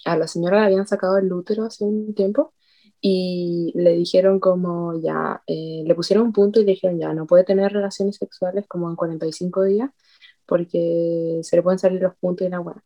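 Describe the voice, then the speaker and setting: A young Chilean woman with a mellow, warm voice tells a story in slangy, animated chat. Her tone stays soft rather than bright. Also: lowish voice, normal speed. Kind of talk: casual chat.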